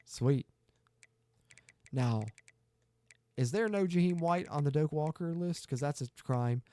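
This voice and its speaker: This is a man streaming a football video game with a warm, mellow tone. He chats upbeat to his viewers as he plays. His voice is close and dry on the microphone. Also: fairly high pitch, slow, no room sound. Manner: chatty, upbeat, talks to viewers while playing. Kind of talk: casual gaming livestream commentary.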